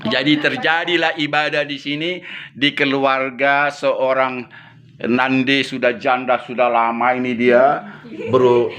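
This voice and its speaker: A man's voice: medium pitch, flat delivery, slow, fairly bright tone, clear, resonant tone. A man who is a missionary pastor. He tells stories in a casual chat, laughs often and acts out what people said. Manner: chatty, laughs often, acts out quoted speech.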